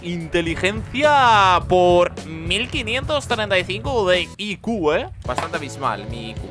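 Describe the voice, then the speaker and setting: A young man with a Spain Spanish accent, chatting excitedly and joking while commenting on his gameplay. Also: high voice, unhurried, over music. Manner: excitable, chatty, jokey, loud outbursts. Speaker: gaming youtuber.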